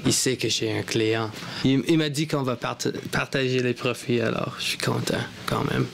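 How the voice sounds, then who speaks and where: A man's voice: medium pitch, steady tone, normal speed, vocal fry. A man giving casual reality show commentary as an auction buyer, hesitating and repeating words as he goes. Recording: loud guitar music over the voice.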